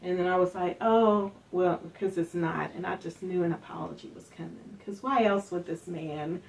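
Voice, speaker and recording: Soft-spoken woman, distant mic. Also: lowish voice, normal speed, creaky. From Northern Kentucky. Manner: soft-spoken, many fillers, acts out quoted speech. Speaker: interviewee. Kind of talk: personal storytelling interview. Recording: distant mic with faint background hiss.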